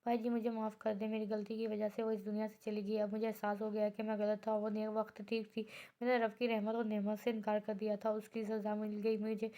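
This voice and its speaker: A woman's voice: medium pitch, monotone, warm tone, close to an everyday voice. A woman reading the lines of a grown man, a remorseful younger brother who speaks in a pleading, apologetic way. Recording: dull lo-fi audio.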